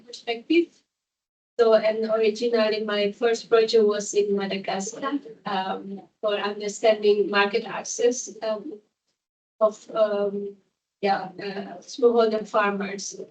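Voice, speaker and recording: A hesitant woman from Ecuador whose voice is going, picked up from a little way off the microphone. She pauses often and fills the gaps with ums. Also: on the high side, darkish tone, far from the mic, low-quality recording. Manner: halting, many fillers. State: losing her voice. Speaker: workshop participant. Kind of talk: hesitant audience remarks.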